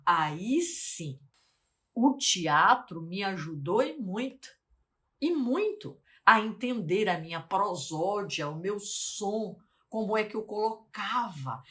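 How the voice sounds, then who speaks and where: A woman, a life mentor teaching to camera, speaking slowly and articulating carefully, often asking the viewer questions. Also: mid-range voice, sharp tone. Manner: deliberate, slowed, carefully articulated delivery.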